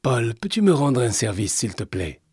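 A man's voice: medium pitch, big pitch swings, normal speed, darkish tone, breathy edge, no echo, clean studio sound, exaggerated voice. A man voicing a kindly, teasing old grandfather with a bad back. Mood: amused. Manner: playful, amused.

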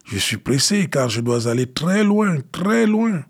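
A man voicing a busy, hurried river that politely refuses. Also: a little high, sing-song, pitched above the performer's own voice, exaggerated voice.

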